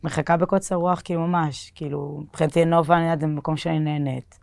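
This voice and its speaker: This young woman speaks low, with fairly even intonation, vocal fry, and a slightly mellow quality, sharing a casual personal account. She uses lots of fillers and restarts and acts out lines she and others spoke. There's no room sound.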